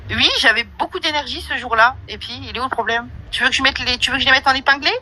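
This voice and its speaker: A woman's voice: sits high, fast talker, bright, forceful tone, rough recording. A woman hosting an online audio room, giving a brash, slangy, confrontational monologue. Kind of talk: casual monologue with listener questions.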